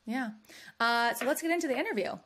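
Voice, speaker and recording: This young Californian woman hosts a podcast of casual advice, keeping things upbeat and conversational with frequent laughter. She speaks quickly in a somewhat high, slightly bright voice that has a breathy edge.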